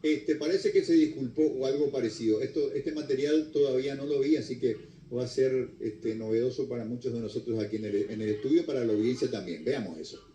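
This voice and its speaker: Male TV host, dark voice, chatty, echoey distant sound. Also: medium pitch, fairly quick. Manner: chatty, mixes Guarani and Spanish. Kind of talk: TV talk show hosting. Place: TV studio. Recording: roomy studio from a distance.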